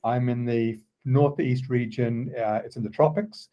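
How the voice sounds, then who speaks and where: A man around sixty with an Australian accent, a guest telling stories in a relaxed, halting way with many ums. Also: medium pitch, dull audio. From Queensland, Australia. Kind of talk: casual interview chat.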